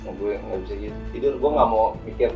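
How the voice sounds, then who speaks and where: A man's voice: fairly low pitch, quick pace, highs cut off. Young man, guest storyteller, rambling with repeats, distant mic, music playing behind. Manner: rambling, repeats words, calls listener "Bang". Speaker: guest telling a hiking story. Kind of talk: casual storytelling chat.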